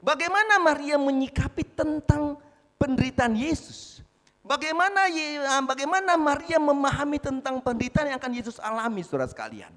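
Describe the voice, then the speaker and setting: Emphatic preacher in an echoing church. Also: male voice, very high voice, lively intonation, brisk, a bit bright. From North Sumatra, Indonesia. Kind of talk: sermon. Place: large church hall. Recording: echoey hall with long reverb.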